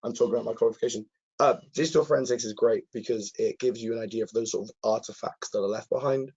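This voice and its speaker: A man with a hoarse, croaky voice answers questions as an earnest, enthusiastic presenter in a live webinar. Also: mid-range voice, fast, a little mellow, lo-fi sound. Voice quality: croaky, husky. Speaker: presenter, cyber security content author.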